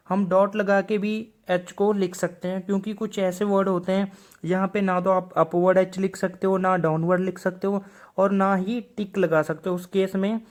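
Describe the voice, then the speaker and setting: A man's voice: sits high, darkish tone. A man teaching a shorthand video lesson. He explains patiently and says each example word twice.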